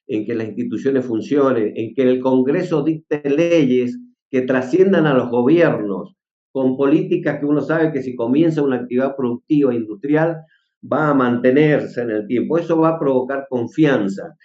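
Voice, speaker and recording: A mellow-voiced man speaks in a measured, earnest tone as an interview guest. His audio is dull and roomy, as if coming through a remote call. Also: medium pitch. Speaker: agricultural sector leader, guest. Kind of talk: interview answer.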